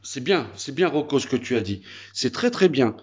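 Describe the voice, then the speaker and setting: A man from France vlogs casually from his countryside home on a phone video, rambling and leaning on fillers. He has a medium-pitched voice with big pitch swings at normal speed, and the sound is lo-fi.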